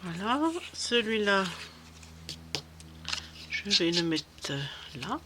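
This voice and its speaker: A woman's voice: medium pitch, drawn-out words, noisy background. A woman vlogger chatting casually while she crafts at home, rambling and hesitant, full of fillers and restarts.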